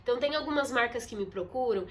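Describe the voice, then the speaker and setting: A young woman vlogger talks fast to her camera, her slightly high voice muffled and nasal from a stuffy, congested nose. Recorded on a phone mounted on a ring light with a little hiss or hum, she chats in a confiding way and calls her viewers "gente."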